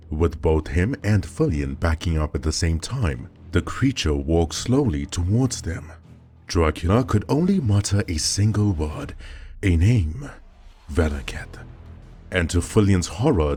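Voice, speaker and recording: Deep-voiced man narrating a horror story. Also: a little mellow.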